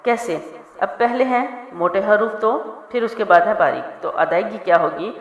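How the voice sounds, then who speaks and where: A woman teaching Quran recitation, drawing out syllables slowly in letter drills. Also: medium pitch, animated. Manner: slow, elongated syllable drills. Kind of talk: tajweed lesson with drawn-out letter drills. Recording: echoey hall, dull lo-fi sound.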